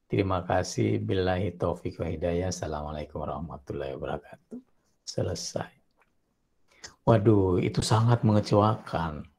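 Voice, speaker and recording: Gravelly-voiced man giving a lecture. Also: low voice, moderate pace. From South Sulawesi, Indonesia. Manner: animated, acts out student voices while explaining. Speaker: university lecturer. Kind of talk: classroom lecture.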